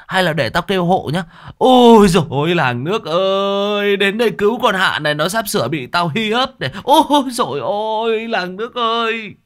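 A man's voice: expressive, normal speed, fairly bright tone, no room sound, clean studio sound. A man voicing a cocky young male village thug who taunts and jeers in a story reading. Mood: mocking. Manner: mocking, shrill taunting wails.

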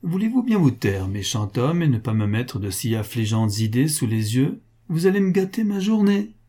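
A man's voice: mid-range voice, animated, a little slow, mellow. A man voicing a cynical wealthy male financier who coaxes with false affection and cold insistence. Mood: mock-jovial. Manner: wheedling, mock-jovial, coldly insistent.

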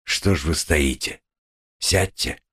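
A man's voice: rumbling low, animated, measured pace, slightly rough, heavily acted. A man playing a brooding, gloomy young man who speaks curtly. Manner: curt, gloomy, softening at times.

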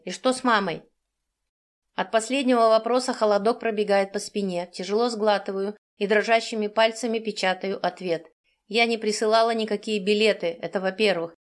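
A woman narrating a first-person audiobook in an emotionally charged, tense reading. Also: medium pitch.

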